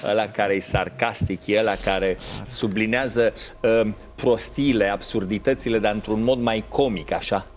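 A middle-aged Romanian man hosting a quiz show, coaxing and teasing the contestant in an animated way. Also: on the low side, hardly any pauses. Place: TV studio.

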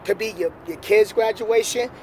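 This high-pitched man talks at a moderate pace as he hosts his trucking vlog outside by a parked semi truck. Originally from New York City, he offers an emphatic, slang-filled motivational chat with repeated points, filmed on a camera at arm's length amid loud outdoor wind and vehicle sounds.

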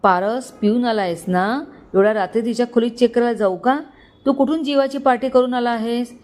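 A woman's voice: a little high, moderate pace, darkish tone, lightly acted. A rich middle-aged father, grumpy and short-tempered, grumbles and snaps at his wife and son, as a woman reads him. He sounds irritable and impatient, as in a storybook.

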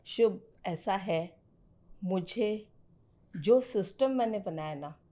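A woman's voice: medium pitch, expressive, slow, mellow. A middle-aged woman mentoring a student on trading in a direct, firm conversational way, slipping English phrases into her talk. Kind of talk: conversational teaching.

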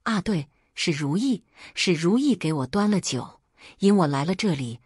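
A woman's voice: on the low side, lively intonation, moderate pace, darkish tone, breathy edge, no echo, studio quality. A woman voicing a panicked young nobleman who mumbles and pleads in a rush, in a storybook reading.

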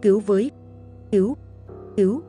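A woman's voice: mid-range voice, takes it slowly, a little mellow, faint music behind, lightly acted. A woman voicing a wounded young man screaming in pain and calling for help, in a horror story.

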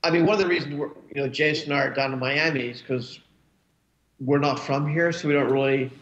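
A man's voice: on the high side, steady tone, brisk, fairly bright tone, highs cut off. Rambling man on a roomy video call. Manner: rambling, many restarts and fillers. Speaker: cartoonist guest. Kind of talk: casual interview over video call. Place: home room, indoors. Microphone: webcam video call.

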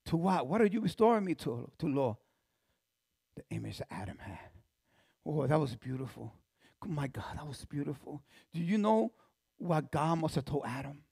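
A man pastor preaching a sermon in a church, swinging from soft, hushed phrases to loud shouted passages, with many restarts. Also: mid-range voice, creaky, slightly rough, no room sound, clean studio sound.

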